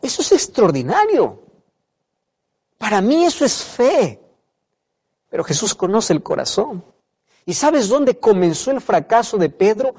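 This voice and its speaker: A man's voice: high voice, very animated, unhurried, pauses often, a little mellow. A man preaching a sermon, emphatic, repeating key phrases and putting questions to the listener. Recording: reverberant hall.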